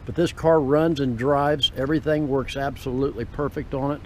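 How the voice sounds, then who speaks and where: A man's voice: mid-range voice, steady tone, moderate pace. A man presenting a car in a casual, rambling walk-around, raising his voice over the wind outdoors. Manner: rambling, jumps between points. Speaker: car dealer presenting vehicles. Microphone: camera's built-in microphone. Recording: loud wind noise on camera microphone.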